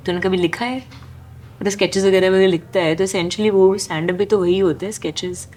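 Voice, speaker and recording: A woman's voice: mid-range voice, a little fast, darkish tone. A woman chatting casually with a friend and encouraging him, dropping English phrases into her talk. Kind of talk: casual chat.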